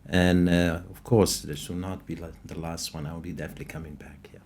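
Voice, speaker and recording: A man's voice: deep voice, flat delivery, fairly quick, darkish tone. A man with a Moroccan accent, a native speaker of Moroccan Arabic, answering as a scientist guest in a conversational interview. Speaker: podcast guest, scientist and professor.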